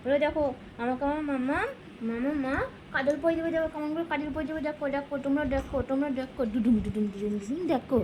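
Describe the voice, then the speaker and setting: A woman's voice: sits high, steady tone, fast talker, a little mellow, a little hiss or hum. A mother talking sing-song baby talk to her baby while filming at home.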